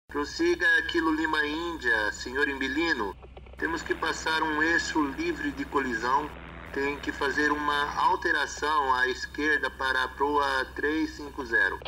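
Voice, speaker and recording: A man's voice: fairly high pitch, measured pace, bright, forceful tone, heavily acted. A man playing a tower controller over cockpit radio. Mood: stern. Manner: formal radio procedure talk. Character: male air traffic controller. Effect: voice heard over a cockpit radio. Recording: distant, noisy film audio.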